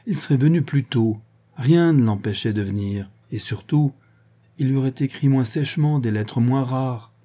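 A man reading a novel aloud in a measured, even storytelling manner. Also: medium pitch, breathy edge. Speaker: audiobook reader. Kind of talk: scripted novel narration.

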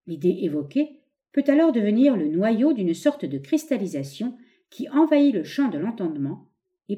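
Expressive woman reading aloud, mellow tone. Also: medium pitch. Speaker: audiobook reader. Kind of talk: scripted narration of an essay.

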